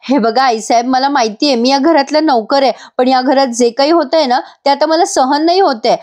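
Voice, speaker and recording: A woman's voice: sits high, a little fast, a little mellow, voice pushed up, lightly acted. A woman voicing a loyal male house servant who pleads anxiously with his mistress. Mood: pleading.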